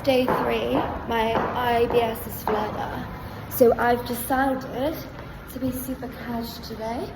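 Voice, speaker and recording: A woman's voice: fairly high pitch, fairly even intonation, slow, vocal fry, music in the background. A young British woman chatting casually to her vlog in a playful, sweary, giggly way. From Britain. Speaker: vlogger. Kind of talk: casual excited vlog chat. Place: outdoors in city streets. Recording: noisy outdoor street, crowd and traffic. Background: crowd, traffic, urban ambience.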